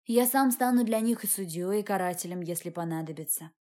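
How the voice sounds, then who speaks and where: Mellow-voiced woman narrating a story. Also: mid-range voice, quick pace. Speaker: audiobook narrator. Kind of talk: first-person story narration.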